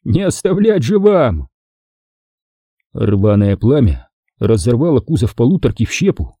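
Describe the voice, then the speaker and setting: A male narrator reads a war story with dramatic, expressive delivery. His voice is very dark and husky, and his pitch moves a lot. The recording is dry and close, with no room sound. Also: dry recording. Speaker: audiobook narrator. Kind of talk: scripted narration.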